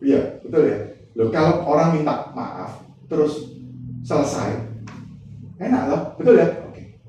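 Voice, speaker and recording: A man preaching a sermon in a conversational, lively way, acting out exchanges and laughing often. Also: on the high side, a little slow, slight background noise. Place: church hall. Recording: echoey hall from far off.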